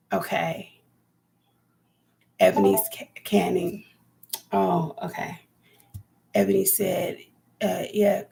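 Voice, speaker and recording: This chatty Californian woman has a gravelly, raspy, medium-pitched voice. She's a homesteading vlogger rambling through casual live-stream conversation and addressing her viewers by name.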